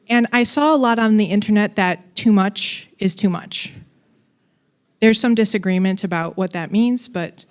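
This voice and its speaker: A woman's voice: medium pitch, darkish tone, smooth. A woman giving a conference talk on coding, casual and playful, with fillers and asides. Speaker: conference speaker.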